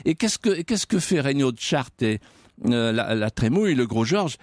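A man's voice: medium pitch, very animated, normal speed, darkish tone, no room sound. Man, historian guest, dramatic storytelling, rhetorical questions, dry close studio. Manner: vivid narration with rhetorical questions and repetitions. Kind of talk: dramatic storytelling in radio interview. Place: radio studio.

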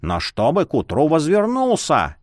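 A man's voice: fairly high pitch, wildly swooping pitch, normal speed, dry recording, clean studio sound. A man voicing a stern female sorceress mentor who scolds and hisses. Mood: scolding. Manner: scolding, hissing.

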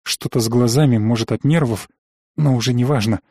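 A man's voice: mid-range voice, a little fast, warm tone, no echo. Man narrating a fantasy audiobook, dry.

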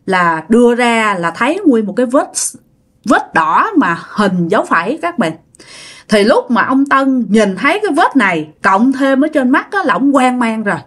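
A woman's voice: fairly high pitch, very animated, moderate pace, fairly bright tone. A woman casually telling a ghost story to her listeners, chatty and full of fillers.

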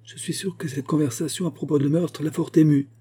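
Gentle young man in a storybook, read by a man quiet and subdued, with a dark, husky tone. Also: a little high, fairly even intonation, brisk, pitched above the performer's own voice. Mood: concerned. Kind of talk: audiobook character voice.

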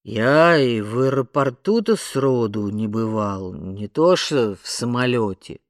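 A man voicing a slow-witted, flustered unemployed Englishman in an audiobook, stammering and hesitant. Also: mid-range voice, expressive, no room sound, studio quality.

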